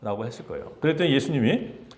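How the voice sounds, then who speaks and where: A middle-aged man preaching a conversational Sunday sermon as pastor, lively and full of rhetorical questions to the congregation. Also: medium pitch, fast. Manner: acts out quoted lines in changing voices.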